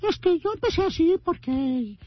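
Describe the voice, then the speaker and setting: A man's voice: very high-pitched, big pitch swings, unhurried, dry recording. A Mexican man leaving a comedic voice message for a radio show, talking in a theatrical, boastful, sing-song way. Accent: Mexican Spanish. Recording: dull radio-broadcast sound.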